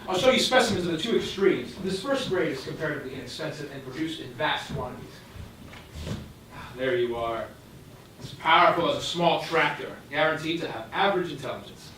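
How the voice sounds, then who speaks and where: A man's voice: a little high, animated, fairly quick, bright, forceful tone. A man playing a proud, matter-of-fact factory director showing off his robots, in a stage play. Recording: echoey room from far off with noise.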